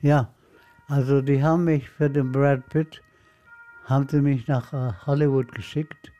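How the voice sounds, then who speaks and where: A man in his nineties, a former film dialogue coach, talks in a slow, reflective way in a radio interview. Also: mid-range voice, steady tone, mellow, dull audio, faint music behind. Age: 90s. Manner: slow, unhurried, reflective storytelling.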